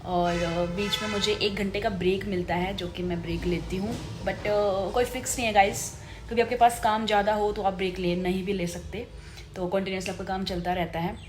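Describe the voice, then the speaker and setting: A young woman vlogging casually at home, chatty and quick, forever calling her viewers "guys". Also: medium pitch, steady tone, music in the background. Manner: fast-talking. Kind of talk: casual vlog chat to camera. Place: at home and outside in the street.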